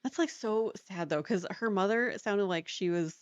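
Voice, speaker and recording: A woman's voice: medium pitch, normal speed, dry recording. A woman co-hosting a podcast, telling a story in a casual, chatty way with lots of "like" and frequent laughter. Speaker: podcast co-host. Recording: dry, dull lo-fi sound.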